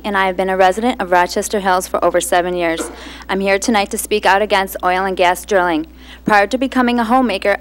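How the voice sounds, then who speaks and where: A woman's voice: mid-range voice, poor audio. A middle-aged woman speaking at a council podium, reading a prepared public comment in an indignant, accusatory tone. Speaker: resident giving public comment. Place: city council chamber, large indoor hall. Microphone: podium microphone.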